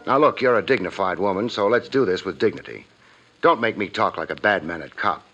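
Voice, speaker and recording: In a muffled 1950s radio detective drama with music, a man acts and narrates as a wry, hard-boiled private investigator. His low, fairly quick voice is expressive and a bit bright, delivered in a clipped, knowing tough-guy style.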